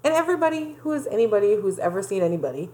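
A woman in a casual podcast chat, recapping a reality show in a crude, profane, animated way. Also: mid-range voice, racing. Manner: crude, profane, animated storyteller who mimics people.

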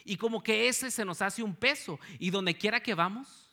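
Male preacher, sermon, bright forceful voice, animated storyteller who quizzes the congregation. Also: sits high, moderate pace. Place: church service.

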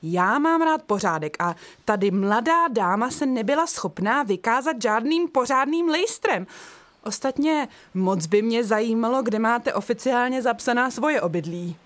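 A woman's voice: on the high side, animated, lightly acted. Woman doing a fussy bureaucrat elephant in a storybook, officious, raised voice. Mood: indignant. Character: pompous bureaucratic male elephant guard.

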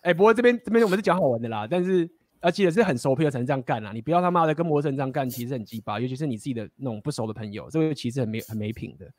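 A man's voice: mid-range voice, lively intonation, rapid-fire, dry recording. A man, casually telling stories and giving blunt, profane dating advice. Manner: blunt, profane, laughing often.

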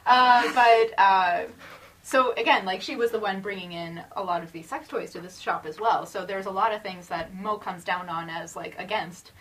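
A woman's voice: medium pitch, steady tone, normal speed, fairly bright tone. A woman musing casually about a comic's politics. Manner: casual, musing, loose phrasing. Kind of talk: casual book discussion. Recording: a bit far from the mic.

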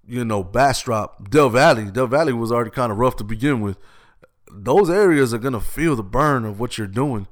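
Earnest man, plain mid voice. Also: medium pitch. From Austin, Texas. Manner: earnest, heartfelt, rambling with restarts. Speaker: guest, youth gang-prevention worker. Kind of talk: casual conversational interview.

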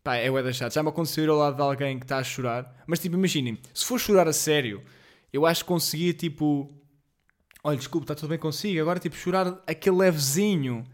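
A man's voice: on the high side, quick pace. Rambling young man from Portugal. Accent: European Portuguese, Lisbon slang. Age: 20s. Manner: rambling, slangy, self-deprecating, many fillers; apologetic about being jittery and off rhythm. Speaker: podcast host. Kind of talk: casual solo podcast monologue.

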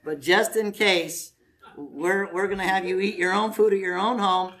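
This pastor running a family camp has a high-pitched, slightly bright voice with fairly even intonation at normal speed. In a meeting hall he preaches and makes camp announcements, joking with the congregation in a folksy way while coaxing them to volunteer.

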